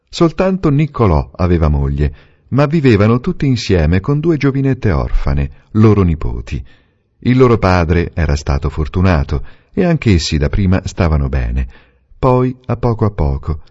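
A man narrating a novel aloud in a measured, expressive reading. The recording sounds dull and lo-fi. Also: sits low. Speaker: reader. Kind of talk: audiobook narration.

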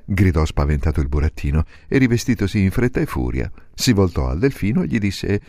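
A man narrating a storybook in an expressive, dramatic reading. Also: low-pitched, brisk, no echo, clean studio sound.

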